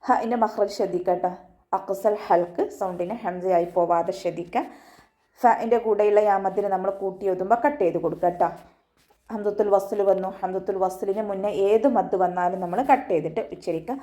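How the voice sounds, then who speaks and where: A woman teaching Quran recitation online, explaining each rule patiently step by step and then chanting the verse words slowly. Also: mid-range voice, steady tone, dull audio. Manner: patient step-by-step explanation, often ending with a soft "tto". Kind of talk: online tajweed lesson.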